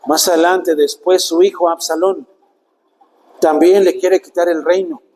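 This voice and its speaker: A man preaching a sermon, earnest and slow, often turning to the listener with direct questions. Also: high voice, fairly even intonation, a little mellow, long reverb tail, rough recording.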